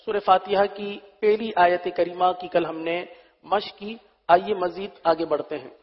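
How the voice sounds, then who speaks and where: A man teaching a Quran reading lesson, drilling letters slowly, chanting verses and explaining quickly between them. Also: high voice, fairly even intonation. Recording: dull audio with long reverb.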